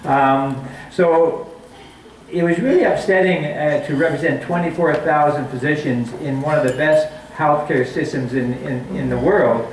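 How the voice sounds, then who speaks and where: This middle-aged man from Canada is a family physician and guest speaker, chatting through a public talk at a community forum with plenty of fillers and false starts. His voice sits fairly high and runs a little slow. A far camera and handheld mic pick him up from across the echoey meeting room, adding a bit of hiss or hum.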